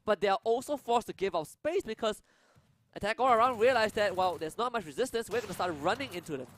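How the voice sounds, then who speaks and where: Male esports co-caster, high voice, explanatory live analysis, animated commentary. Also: quick pace, no echo.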